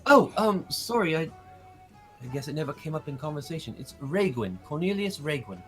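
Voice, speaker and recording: A man's voice: a little high, sing-song, a little fast, a bit bright, soft background music, voice pushed up. A man voicing a polite, modest elven guard captain who stumbles over his words. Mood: courteous. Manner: flustered, stumbling, courteous.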